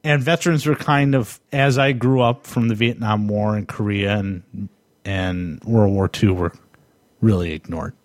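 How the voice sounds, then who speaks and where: A man in his forties from the United States, hosting a solo podcast and reflecting aloud in a thoughtful, halting way, pausing to find his words. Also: on the low side, steady tone, dry recording. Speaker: podcast host.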